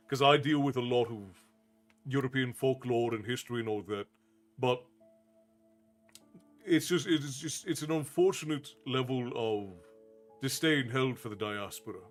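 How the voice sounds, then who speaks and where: An American-born man hosting a storytelling live stream, casually chatting to viewers and explaining history at length. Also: mid-range voice. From United States.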